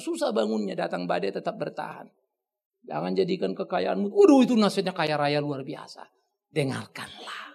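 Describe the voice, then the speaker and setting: A male pastor preaching a topical sermon, conversational and teasing, swinging between loud exclamations and soft asides. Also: high voice, gravelly, slightly rough. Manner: conversational, teasing, uses slang.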